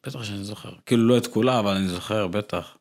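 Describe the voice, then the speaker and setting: A man, co-hosting a podcast, who teases his friend and throws in quick remarks. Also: fairly low pitch, very noisy. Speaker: podcast co-host. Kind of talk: casual chat.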